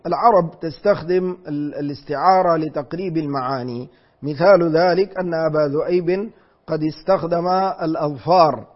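A man teaching Quran exegesis in a deliberate lecture, repeating phrases and reciting verses slowly. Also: fairly high pitch. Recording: dull lo-fi recording.

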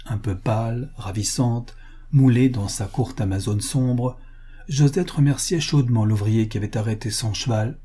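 A man narrating a classic novel as an audiobook in a measured, even reading voice. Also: mid-range voice, husky. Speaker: audiobook reader.

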